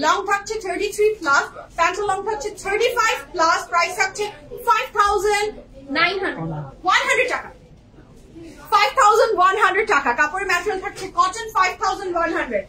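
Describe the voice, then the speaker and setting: Selling clothes on a live stream, a working mother in her young adult years or 30s enthuses about every dress, blending English into Bengali. She speaks in a very high, bright, forceful voice, and the audio is poor.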